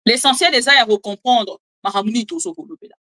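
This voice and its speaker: A Congolese woman delivers lively political commentary in a high, bright voice. She talks casually to her audience and drops in joking asides. Her voice sits well above the usual range and has a sharp, ringing edge. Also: fast talker. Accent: Congolese French. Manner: animated, chatty, joking asides to viewers. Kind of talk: casual live commentary, French mixed with Lingala.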